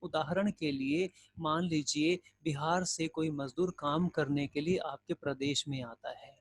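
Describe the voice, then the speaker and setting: A man's voice: fairly high pitch, steady tone, a little slow, breathy edge, no echo. A male Hindi teacher giving a recorded grammar lesson, explaining step by step with everyday examples and questions to students. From India.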